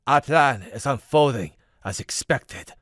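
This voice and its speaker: A man's voice: medium pitch, animated, measured pace, a bit bright, dry recording, studio quality. A man voicing a tyrannical male world leader who speaks in a harsh, commanding way. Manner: harsh, commanding, heavy accent.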